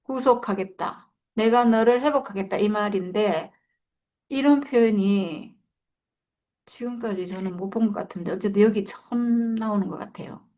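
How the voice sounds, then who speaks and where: A woman's voice: medium pitch, normal speed, mellow. Reflective woman teaching scripture. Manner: reflective, repeats and stresses points. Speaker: Bible study leader. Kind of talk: Bible study teaching. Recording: slightly dull lo-fi sound.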